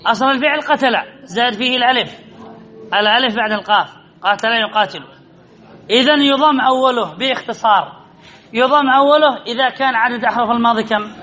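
A man teaching a class, asking quick questions and answering them himself while repeating key points. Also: very high-pitched, pushed and bright. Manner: quizzes listeners and answers his own questions. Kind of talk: classroom lesson.

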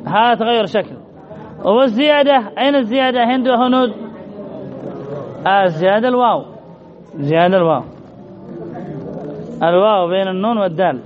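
High-voiced man teaching grammar, lo-fi. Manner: slow, methodical, poses questions and answers them himself. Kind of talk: classroom lesson reading and explaining a text. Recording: dull lo-fi class recording with faint noise.

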